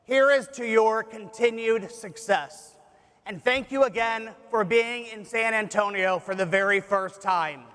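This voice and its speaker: Man, high voice, polished upbeat corporate pitch, keynote speech, echoing hall. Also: a little slow, a bit bright, slight background noise. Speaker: tourism executive giving a keynote speech. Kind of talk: scripted keynote presentation. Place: large conference hall on stage. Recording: echoey large hall with audience.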